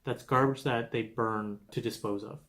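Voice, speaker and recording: A man's voice: medium pitch, fairly even intonation, moderate pace, fairly bright tone. A young man from Canada narrating a scripted travel vlog, explaining things steadily with light humor. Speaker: travel vlogger.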